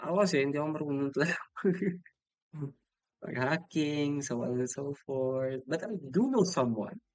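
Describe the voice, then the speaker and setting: A man's voice: medium pitch, no room sound. A young man with a Filipino accent, casually answering viewer comments on a livestream, apologetic and chatty as he switches between English and Tagalog. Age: young adult.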